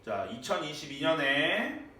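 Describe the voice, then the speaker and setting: A male English teacher gives a lively classroom lecture, his voice swinging up and down as he quizzes students with constant tag questions. He sounds a little high for a man. He is caught from far off in a very echoey room with faint background noise. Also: a little slow. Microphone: far from the mic.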